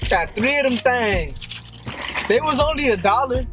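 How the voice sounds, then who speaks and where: A man co-hosting a casual food vlog, joking around with loud, playful exclamations. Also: very high-pitched, animated, unhurried, over music. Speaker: vlog co-host. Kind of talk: casual mukbang chat.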